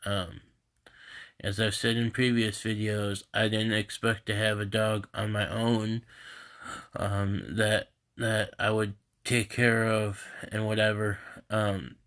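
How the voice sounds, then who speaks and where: A man with a lowish voice that still sounds bright and forward, stuffed up and congested. He talks slowly in a halting, rambling way, with a lot of restarts. It is a casual live stream recorded on a phone at home. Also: little pitch movement. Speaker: host of a live group stream. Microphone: phone camera.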